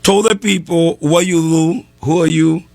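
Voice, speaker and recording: A man who is a pastor interviews a guest in halting, broken English. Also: fairly high pitch, steady tone, gravelly, darkish tone, dry recording. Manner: halting non-native English, broken grammar.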